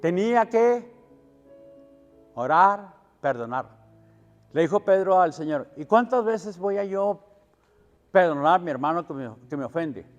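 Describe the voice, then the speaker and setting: A man pastor preaching a sermon, asking his congregation questions and answering them himself, swelling louder on key words. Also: high-pitched, lively intonation, measured pace, pauses often, long reverb tail, dull audio, faint music behind. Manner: preaching with call-and-response questions and swells in volume.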